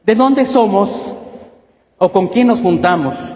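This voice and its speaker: Male Mexican pastor, emphatic sermon delivery, higher voice, long church-hall reverb. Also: lively intonation, slow pace, darkish tone. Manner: emphatic, asks many rhetorical questions.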